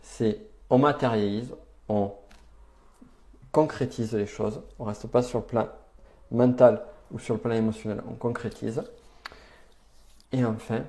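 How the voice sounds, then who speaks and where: A man's voice: fairly low pitch, dark tone. A man giving an upbeat, chatty live-stream talk on personal development, answering viewers' chat comments with emphatic asides.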